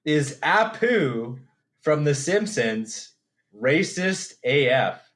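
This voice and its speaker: Man in his 30s, podcast co-host, slow, hesitant, fillers and repeats. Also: on the high side, very animated, a bit bright. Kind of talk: casual chat.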